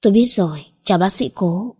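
A woman reading an audiobook, voicing a gentle young woman who soothes her little brother in a soft voice. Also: medium pitch, animated, a little fast, breathy edge. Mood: soothing. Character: gentle protective young woman, older sister.

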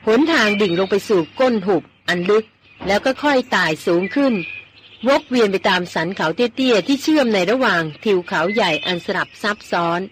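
A woman narrating a novel in an even, measured reading. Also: medium pitch, slight background noise. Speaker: audiobook narrator.

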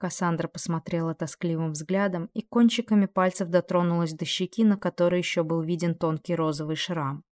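A woman's voice: lowish voice, steady tone, brisk, hardly any pauses, darkish tone. A woman narrating a dramatic fantasy audiobook expressively, acting out the dialogue. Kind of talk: dramatic fiction reading.

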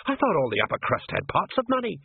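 A man's voice: sits high, huge pitch swings, quick pace, breathy edge, no echo, pitched above the performer's own voice, heavily acted. Dim, kindly sergeant, raised wondering voice, by a man; tinny and dry. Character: slow-witted middle-aged male sergeant, kindly. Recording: tinny narrow-band, dry.

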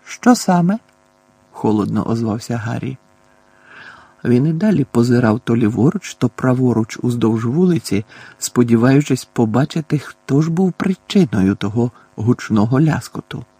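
A man narrating an audiobook in a measured, expressive reading. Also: medium pitch, slightly rough, dry recording.

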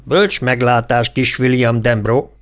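A man voicing a gruff older small-town policeman who lectures in blunt, folksy dialect. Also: medium pitch, steady tone, natural voice. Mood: lecturing. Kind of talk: audiobook character voice.

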